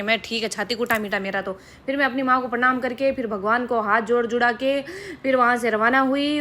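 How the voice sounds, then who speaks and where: A woman's voice: a little high, a bit bright, slight background noise. A young woman with a Rajasthani accent, narrating a casual vlog in a playful, joking way. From Rajasthan, India. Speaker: vlogger.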